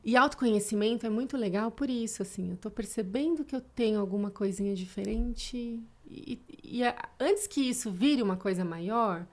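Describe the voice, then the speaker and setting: Higher-voiced Brazilian woman, reflective. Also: moderate pace, hardly any pauses. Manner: reflective, emotional storytelling. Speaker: podcast guest. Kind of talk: casual podcast conversation.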